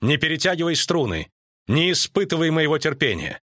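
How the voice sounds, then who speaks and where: A man reading an audiobook voices a proud, commanding queen with a measured, imperious delivery. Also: medium pitch, lively intonation, a bit bright, dry recording, clean studio sound, close to an everyday voice. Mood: angry. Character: proud stern queen, middle-aged woman, commanding.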